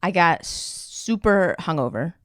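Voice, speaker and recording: A woman guest on a comedy podcast talks in a smooth, clear voice, a little low in pitch. She chats casually in slang and pokes fun at herself. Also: lively intonation, a little slow, no echo. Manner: joking, slangy, self-mocking. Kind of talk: casual chat.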